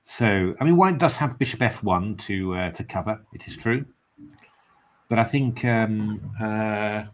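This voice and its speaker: Low-voiced English man commentating chess. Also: unhurried. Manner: excitable cheering, then musing with many fillers. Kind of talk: live online chess commentary.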